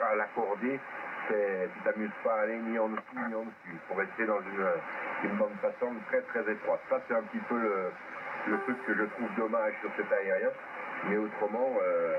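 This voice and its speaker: This is a ham radio transmission: a man with a fairly low pitch, operating as an amateur radio operator, gives unscripted technical talk into a radio transceiver microphone. He's hesitant and repeats words for emphasis, and the narrow-band link is very noisy.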